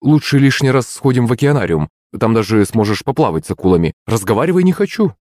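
A man's voice: mid-range voice, very animated, fast, darkish tone, dry recording, studio quality, natural voice. A man voicing a strict mother who speaks curtly and firmly. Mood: stern. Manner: curt, firm. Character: stern strict mother, sharp-tongued.

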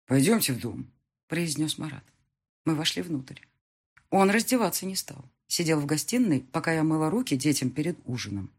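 A woman's voice: deep voice, big pitch swings, moderate pace, breathy edge. A woman reading a first-person audiobook in an emotional, intimate storytelling manner. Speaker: audiobook narrator.

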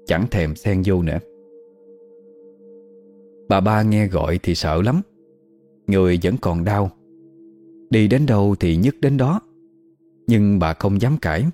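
A man narrates a scripted horror tale at a steady, measured pace. His voice is very deep and dark, and soft music plays faintly underneath. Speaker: storyteller.

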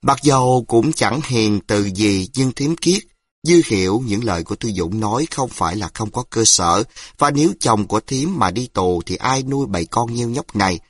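A man's voice: on the low side, moderate pace, breathy edge, no room sound, clean studio sound. A man with a Southern Vietnamese accent narrating a story and acting out its voices. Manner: animated, acts out voices.

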